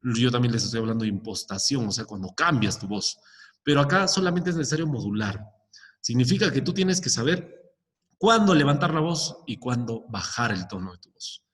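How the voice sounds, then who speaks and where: A man's voice: medium pitch, expressive, normal speed, fairly bright tone, long reverb tail. A male teacher giving a recorded lesson, explaining step by step and often checking with the class. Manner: explains with many rhetorical questions and "¿ya?" checks.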